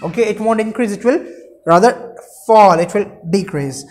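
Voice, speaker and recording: A man's voice: high-pitched, moderate pace, darkish tone, soft background music. A young man gives an explanatory classroom lecture. He teaches by posing questions and answering them himself, adding short check-in tags as he goes. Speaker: chemistry teacher. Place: indoor room at a whiteboard.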